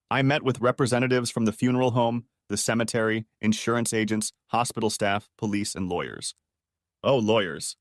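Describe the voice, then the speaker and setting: A man narrating a first-person audiobook story in an earnest, steady manner. His voice sits at an ordinary pitch, and the recording is close and dry, with no room sound. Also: dry recording.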